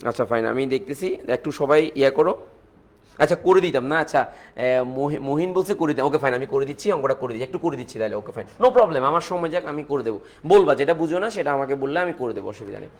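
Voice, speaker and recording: A man's voice: mid-range voice, lively intonation, very fast. A man with a Bangladeshi Bengali accent teaching chemistry in a live online class. He works through calculations step by step, repeats key points, and answers viewers' comments.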